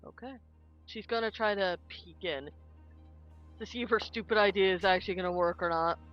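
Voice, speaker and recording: A tabletop game player casually narrating a character's moves in the third person, with deliberate, hesitant phrasing. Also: medium pitch. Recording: dull audio, music underneath.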